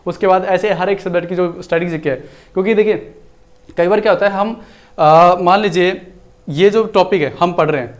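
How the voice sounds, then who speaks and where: High-voiced male teacher. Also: moderate pace. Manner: chatty, explanatory, mixes Hindi with English terms. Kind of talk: recorded exam-prep lecture.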